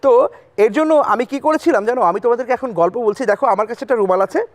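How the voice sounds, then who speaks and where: High-pitched man, children's magician. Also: quick pace. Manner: addresses children with short questions and prompts. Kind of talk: interactive children's stage patter with storytelling. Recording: music playing behind the voice.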